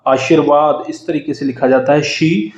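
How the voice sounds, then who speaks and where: A man's voice: a little high, steady tone, a little mellow. Hindi man teaching spelling, echoey dull audio. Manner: explains quickly, often repeating key words. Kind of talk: exam-prep lesson. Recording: roomy, muffled sound.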